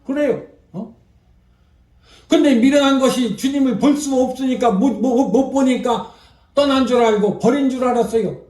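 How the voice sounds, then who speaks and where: An older woman pastor with a high, mellow voice at a moderate pace preaches a revival sermon with emphatic fervor, calling out to her congregation and punctuating her points with hallelujahs. Her voice echoes through the church and reaches the microphone from some distance.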